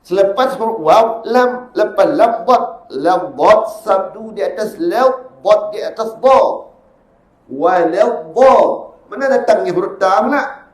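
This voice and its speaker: A Malaysian-accented man teaches Quran recitation in a fairly high voice. He stretches each example verse out slowly, then explains it quickly. An echoey room rings around him. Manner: chants drawn-out verses to demonstrate, then explains briskly. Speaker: religious teacher.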